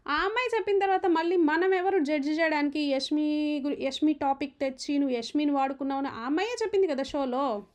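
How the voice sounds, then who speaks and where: A woman giving an opinionated, emphatic recap of a reality show argument. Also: high-pitched. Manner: fast, animated, emphatic, retelling arguments.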